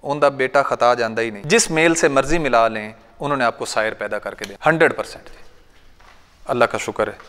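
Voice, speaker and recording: A goat farmer from Pakistan with a Punjabi accent gives an informal workshop talk in a large, bright training hall before a seated audience. His male voice is medium-pitched and fairly bright, and he speaks fairly quickly in a conversational, anecdotal way, reciting couplets and quoting elders. The hall is reverberant.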